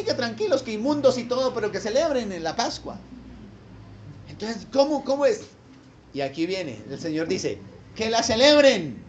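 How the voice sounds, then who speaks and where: A male pastor delivers a sermon with a fairly high voice, swinging from emphatic declarations to chuckling, colloquial asides. He speaks straight to his listeners with rhetorical questions. Faint noise hums under the recording. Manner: colloquial, addresses listeners as brother.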